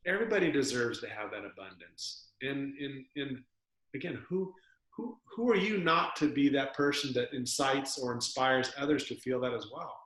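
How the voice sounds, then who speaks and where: A man's voice: medium pitch, lively intonation, moderate pace, a bit bright. A man co-hosting a podcast, talking reflectively in casual conversation, often restarting his words as he gathers his thoughts. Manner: reflective, searching, repeats words as he thinks. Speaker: podcast co-host. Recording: roomy echo.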